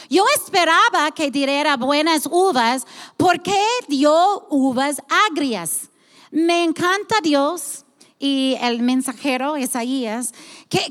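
Pastora de voz aguda y habla pausada, sermón apasionado, reverberación de templo. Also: female voice, sits high, fairly bright tone. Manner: impassioned, acts out God's voice, many restarts. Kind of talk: sermon.

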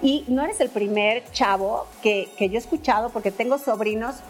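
A woman's voice: a little high, normal speed, faint music behind. A middle-aged woman with a Mexican Spanish accent, chatting animatedly as co-host of a casual panel show. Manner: animated, talks over others.

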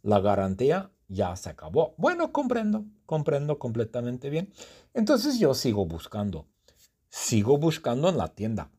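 A man's voice: mid-range voice, huge pitch swings, moderate pace, warm tone, breathy edge. A man telling a story in first person as a bumbling, indignant customer, with exaggerated indignation. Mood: playful.

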